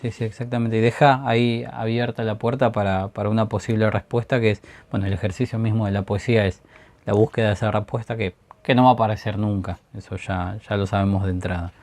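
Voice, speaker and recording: A man's voice: on the low side, steady tone, quick pace, darkish tone. A man co-hosting a poetry program, mostly agreeing and adding short remarks. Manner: agreeing, brief affirmations. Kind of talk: casual discussion.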